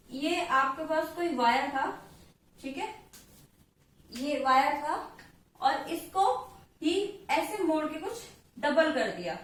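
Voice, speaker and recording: A high-voiced woman with an Indian accent works through a physics problem patiently, pausing after each step to check that her students follow. She sounds far from the microphone, and her voice echoes strongly around a bare room. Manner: patient, checks in with "theek hai" after each step, writes out formulas slowly. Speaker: physics teacher. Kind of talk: explaining a worked example in a lesson.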